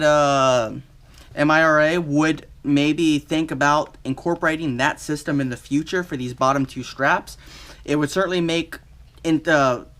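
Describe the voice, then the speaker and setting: A man giving a casual, unscripted product review in a halting, think-aloud way. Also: mid-range voice, a bit bright, slight background noise.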